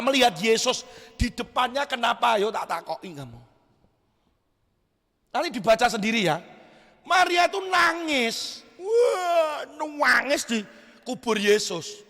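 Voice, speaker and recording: Male pastor preaching to youth, animated, high and gravelly, echoing through a big hall. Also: measured pace. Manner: lively preaching, swings from shouts to quiet asides. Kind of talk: youth sermon. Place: church hall. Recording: echoey church hall.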